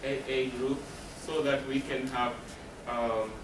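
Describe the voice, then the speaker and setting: A man with a mid-range voice and steady tone speaks slowly in a counselor's presentation before a live audience. He explains in brief, emphatic phrases, asking questions and supplying the answers. The recording sounds roomy and distant, with noticeable background noise.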